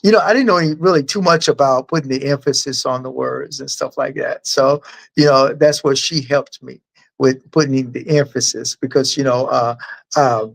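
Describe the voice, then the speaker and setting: A man, a guest author, answering interview questions in a rambling, halting and earnest way. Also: mid-range voice, fairly even intonation, creaky.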